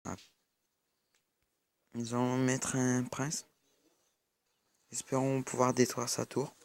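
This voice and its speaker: Flat-voiced man giving hesitant gameplay commentary. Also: mid-range voice, slow pace, vocal fry. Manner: hesitant, many fillers and restarts. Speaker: gaming YouTuber.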